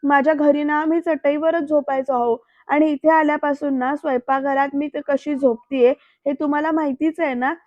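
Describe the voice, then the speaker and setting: A woman's voice: high-pitched, no echo, close to an everyday voice. A woman voicing a shy, pleading village girl. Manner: pleading, hesitant. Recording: dull dry voice-over.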